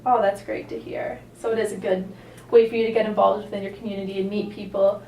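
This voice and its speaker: A woman speaking as a calm, supportive therapist, asking gentle questions and affirming answers in a counselling session. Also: medium pitch, fast talker, creaky. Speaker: counsellor in a practice roleplay session. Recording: roomy, distant mic, faint noise.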